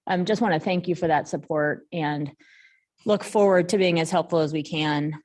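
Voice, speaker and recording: A woman's voice: deep voice, moderate pace, a little mellow. Woman mayor chairing a meeting. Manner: conversational, with frequent ums. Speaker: mayor hosting a joint meeting. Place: city hall meeting room.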